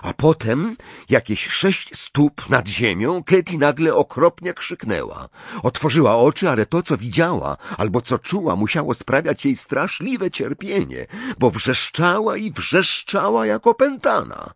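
Expressive male audiobook narrator. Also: a little high, a little slow, gravelly, husky, no echo. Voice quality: expressive, dramatic reading. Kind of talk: scripted narration.

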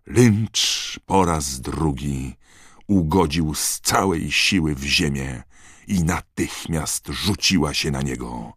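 A man reading a novel aloud in steady, measured narration. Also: very deep voice, breathy edge, no echo, studio quality. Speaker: audiobook narrator. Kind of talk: scripted narration.

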